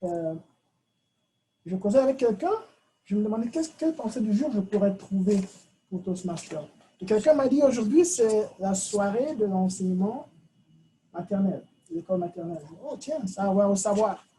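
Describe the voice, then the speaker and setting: A man from Cameroon, a club member giving the thought of the day, delivers a short, informal speech with slides to an audience at a meeting. His voice is high-pitched and animated with a dark tone at a moderate pace, hesitant and full of fillers. The rough recording carries a little hiss or hum.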